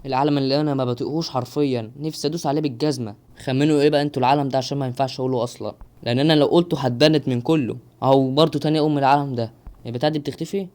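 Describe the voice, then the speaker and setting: Rapid-fire Egyptian gamer man. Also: medium pitch, steady tone, a little mellow. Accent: Egyptian Arabic. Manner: exclaiming, joking asides to viewers. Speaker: gaming YouTuber. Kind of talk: live gameplay commentary.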